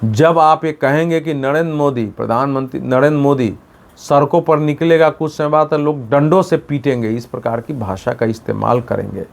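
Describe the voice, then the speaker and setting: A man's voice: normal speed, gravelly. A middle-aged man, a senior journalist, giving an emphatic political commentary monologue, often correcting himself mid-word. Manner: emphatic, mimics slogans with rising pitch.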